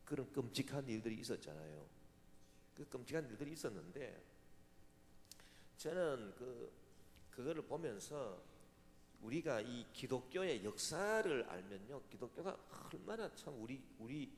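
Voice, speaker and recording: A man's voice: medium pitch, big pitch swings, normal speed. A male senior pastor from Gyeongsang Province with a Gyeongsang accent, preaching a sermon in a church sanctuary. He asks rhetorical questions and mimics other people's voices. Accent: Gyeongsang Korean. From Gyeongsang Province, Korea. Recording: long reverb of a large hall.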